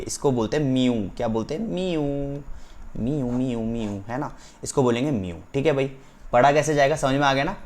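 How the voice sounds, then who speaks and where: A man teaching a physics class, dictating slowly, repeating key terms and checking that students follow. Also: mid-range voice. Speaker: physics tutor. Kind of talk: online class lecture.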